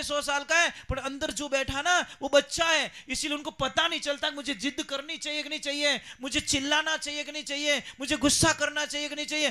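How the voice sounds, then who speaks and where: A preacher with a very high, bright voice that carries a lot of force. He tells a devotional story and presses his points home in an emphatic, exhorting way. Each point comes with strong storytelling drive.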